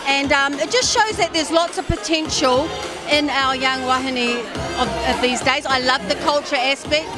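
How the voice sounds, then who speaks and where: A woman's voice: high-pitched, normal speed. A woman with a New Zealand accent chats casually in an interview as a pageant judge. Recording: music and crowd noise behind. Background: loud music and crowd.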